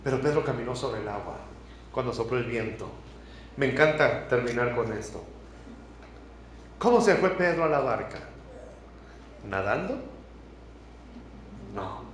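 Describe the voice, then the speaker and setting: A man preaching a sermon as pastor, swinging from hushed, intimate lines to loud, impassioned ones. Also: medium pitch, expressive, unhurried, pauses often, a little hiss or hum. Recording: very echoey church hall.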